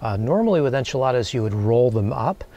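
A man in his forties calmly talking through a recipe while cooking in a small camper van kitchen, with many relaxed "uh"s. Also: mid-range voice, lo-fi sound. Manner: calm, unhurried, many filler "uh"s. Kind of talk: casual cooking demonstration.

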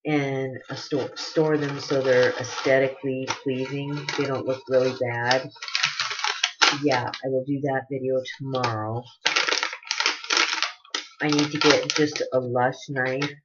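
In her living room, a forties-aged beauty vlogger gushes about products and rambles between them in casual haul chat. She speaks slowly and flatly at an extremely low pitch. The audio comes from a webcam at desk distance and is dull, lo-fi and noisy.

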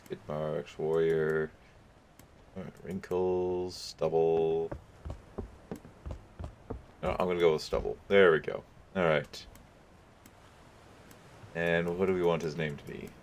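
A man's voice: a bass voice, flat delivery, slow pace, long pauses, a little mellow, slight background noise. A man casually commenting on his gameplay, thinking aloud as he picks options and chuckling now and then. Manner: thinking aloud, musing over choices with chuckles. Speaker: gaming video host.

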